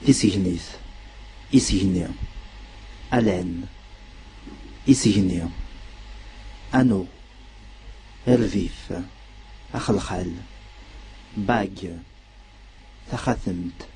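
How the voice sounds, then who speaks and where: Slow deliberate man teaching pronunciation. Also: fairly low pitch, warm tone, a little hiss or hum, poor audio. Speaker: language teacher. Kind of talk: slow dictated vocabulary lesson.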